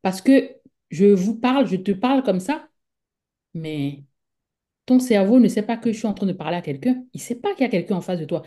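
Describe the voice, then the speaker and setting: This guest speaker is a woman from Africa with a dark-toned, medium-pitched, expressive voice at normal speed. Her conversational talk wanders, full of fillers and repetitions, as she dramatizes her own thoughts in brief quoted lines.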